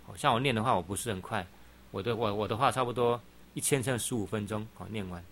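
Male Buddhist teacher, middle-aged, bright tone, low-ish pitch, steady teaching cadence. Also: quick pace, slight background noise. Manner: frequent "好" interjections, patient explaining. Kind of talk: dharma talk answering questions.

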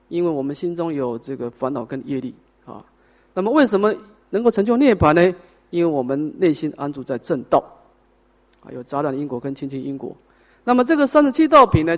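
A man with a high voice lectures on a Buddhist sutra. He lays out each point patiently, poses questions and then answers them himself. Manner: explains step by step, asks and answers own questions, trailing particles. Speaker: Buddhist teacher.

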